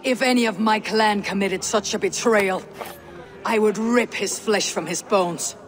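A woman's voice: medium pitch, unhurried, a little hiss or hum, close to an everyday voice. An actress playing a stern, loyal Viking warrior woman in a video game, firm and declamatory. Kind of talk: dramatic video game acting. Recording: long hall reverb.

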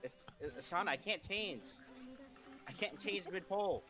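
A man's voice: high voice, expressive, measured pace, over music. A man in a game voice chat, dry and self-mocking as he plays with his team. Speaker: raid teammate. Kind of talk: casual gaming voice chat.

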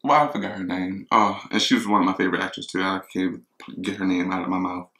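A man chats on camera between bites, rambling and talking straight to his viewers. His voice is bright and forceful, and it rings through an echoey home kitchen. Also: sits low, steady tone, quick pace. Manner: chatty, rambling, talks to viewers as y'all. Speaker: mukbang vlogger. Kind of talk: casual chat while eating.

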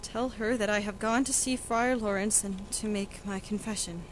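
A woman's voice: medium pitch, fairly even intonation, moderate pace, background noise, natural voice. A young woman playing a desperate, defiant young noblewoman who pleads and protests emotionally. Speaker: student actor in a school reading.

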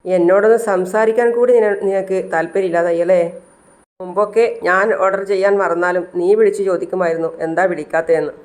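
A woman's voice: on the low side, fairly even intonation, fast talker, darkish tone, natural voice. A storyteller voicing a hurt, angry young woman who confronts a friend with pleading, reproachful questions.

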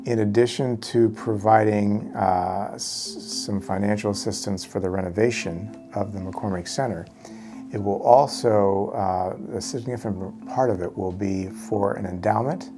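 A middle-aged man answering interview questions in an office, halting with many fillers and restarts. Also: fairly low pitch. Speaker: university fundraiser interviewee. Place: office indoors. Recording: background music.

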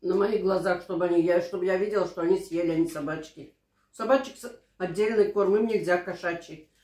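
A woman's voice: on the low side, steady tone, fairly quick, dark tone. Older woman chatting in a roomy space. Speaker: mukbang vlogger. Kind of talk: casual chat and anecdotes over a meal. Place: small living room at home, indoors. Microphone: camera across the table. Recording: roomy, echoing home room.

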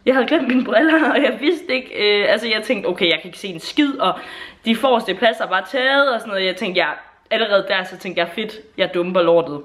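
A woman's voice: mid-range voice, a bit bright, echoey room. A young woman in her late teens from Jutland, chatting casually in a home vlog in a bubbly, gushing way, with swearing and fillers. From Jutland, Denmark. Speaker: YouTuber. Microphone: handheld camera.

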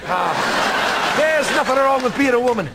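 Man, improv comedian, playful and teasing, high-pitched; live studio audience and heavy noise. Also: animated, measured pace, creaky.

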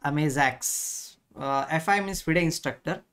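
A man in his thirties with an Indian accent, chatting casually as a chess instructor on a live stream, halting and repeating his phrases. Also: on the high side, a bit bright, smooth.

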